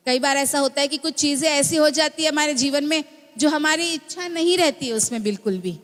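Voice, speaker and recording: High-voiced woman preaching in a church hall. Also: fairly quick. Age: young adult to middle-aged, mother of a small child. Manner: teaching, asks the congregation "है ना?" often. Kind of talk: sermon. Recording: long reverb of a church hall.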